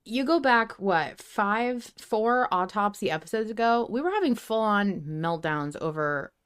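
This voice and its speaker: A woman in her thirties co-hosts a casual fan discussion podcast, speaking earnestly and emphatically in bursts. Her medium-pitched voice is expressive, fairly bright and clean, and a little slow.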